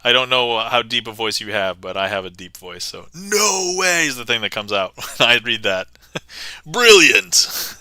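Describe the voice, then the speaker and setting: A man talks through card tricks in casual livestream patter, laughing easily between lines. His voice is vivid and bright, smooth and clean. The sound is dry and close. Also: fairly low pitch, fairly even intonation, normal speed, no echo, poor audio. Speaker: amateur magician livestreamer.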